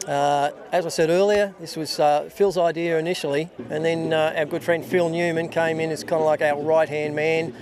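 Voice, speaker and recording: A man's voice: a little high, steady tone, moderate pace, hardly any pauses, a little mellow. A man with an Australian accent hosting an event, announcing and putting questions casually. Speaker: event host.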